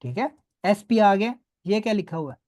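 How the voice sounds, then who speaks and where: A man's voice: high-pitched, animated, moderate pace, darkish tone. A man teaching a beginners' online class, patiently drilling sounds and often checking that students follow. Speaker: language teacher.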